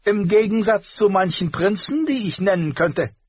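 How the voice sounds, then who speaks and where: Man reading a cutting, clever lord with a raised, lively voice, storybook reading. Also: high-pitched, normal speed, husky, no room sound, muffled recording, pitched above the performer's own voice. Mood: mocking stern. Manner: cutting, scolding. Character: sardonic clever male noble, sharp-tongued uncle.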